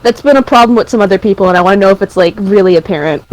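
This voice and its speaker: A young woman playing a tabletop game over a voice call, giggly and expressive, with faint static and echo on her line. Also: medium pitch, very fast. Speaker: player. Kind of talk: casual chat over voice chat. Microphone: headphones on a voice call.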